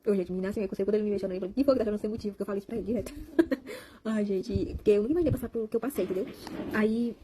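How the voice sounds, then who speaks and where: A young Brazilian vlogger in a mid-range voice fires off a personal testimony at a rapid clip, with background noise audible. Emotional and rambling, she repeats words and addresses her viewers directly, her accent Brazilian Portuguese.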